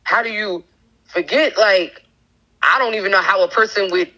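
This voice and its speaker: A woman in her thirties, appearing as a podcast guest, shares a candid personal testimony haltingly, with many fillers and restarts. Her medium-pitched voice sounds pushed and bright, and the recording is low quality.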